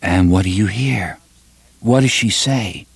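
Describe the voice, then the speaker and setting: A man voicing a young man who coaxes a friend in a calm, soothing way, in an audiobook. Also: lowish voice, unhurried, gravelly, breathy edge, no room sound, full character voice.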